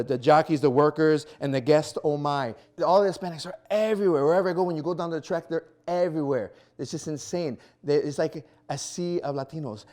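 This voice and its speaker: A man in his thirties doing a stand-up comedy set, animated and self-mocking, acting out little scenes. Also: medium pitch. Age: 30s. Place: small performance venue before a live audience.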